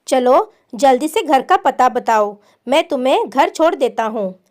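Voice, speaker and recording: A woman gives voice to a decent young man in a narrated story who lectures a runaway girl earnestly about her parents. The voice stays high and is read with a preachy warmth. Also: lively intonation, unhurried. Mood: earnest advice.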